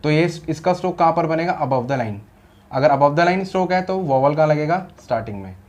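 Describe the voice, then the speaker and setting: A man's voice: fairly high pitch, expressive, a little fast, a little mellow. A man teaching shorthand in a classroom style, explaining step by step and asking rhetorical questions, mixing Hindi with English terms.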